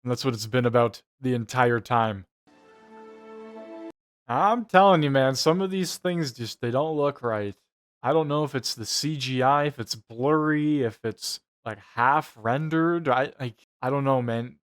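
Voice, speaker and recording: A man's voice: mid-range voice, measured pace, soft background music. Incredulous, swearing man reacting to a show. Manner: profane, incredulous. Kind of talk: casual mocking reaction commentary.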